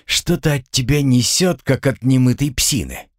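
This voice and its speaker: A man's voice: medium pitch, lively intonation, normal speed, no echo, studio quality, voice pushed up, lightly acted. A man voicing a smug male guardian spirit who lectures others in a condescending way. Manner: condescending, preachy.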